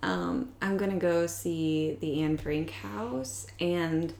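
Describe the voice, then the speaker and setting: Lowish voice lady, sarcastic cohost, roomy echo and a bit of hiss. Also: slow pace, gravelly, a little mellow. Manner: dry, sarcastic, steers the talk. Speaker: podcast co-host. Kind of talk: casual chat. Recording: echoey room with faint noise.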